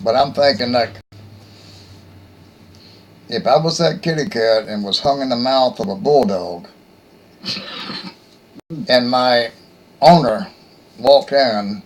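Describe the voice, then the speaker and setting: A man hosting his own show, telling a rambling story in a folksy, rough-spoken, joking way. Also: medium pitch, takes it slowly, long pauses, rough recording. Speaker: host. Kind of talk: casual rambling monologue.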